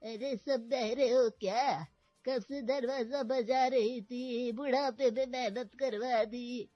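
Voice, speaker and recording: A woman voicing a cranky elderly grandmother who scolds loudly and slowly. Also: fairly high pitch, fairly even intonation, no echo, lo-fi sound, faint music behind. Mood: scolding. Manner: loud, scolding, slow.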